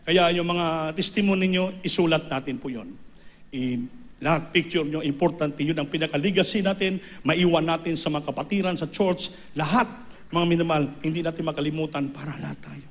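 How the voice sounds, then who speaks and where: Guy preaching, high voice, chatty storytelling that gets fervent. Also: fairly quick. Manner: conversational storytelling, rising to fervent emphasis. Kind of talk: sermon testimony.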